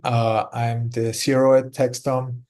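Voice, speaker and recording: Guest exec, man with Austrian German accent, halting speech, mellow tone. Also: medium pitch, flat delivery. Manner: halting, many restarts and repeated words. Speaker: company executive guest. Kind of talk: casual interview talk.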